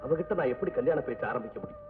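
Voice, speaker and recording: This is a troubled middle-aged uncle, whose speech comes out anxious and pleading. He talks fast, and his pitch moves in a lively way. The sound is distant and thin, from an old film soundtrack with music. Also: long reverb tail, phone-quality sound.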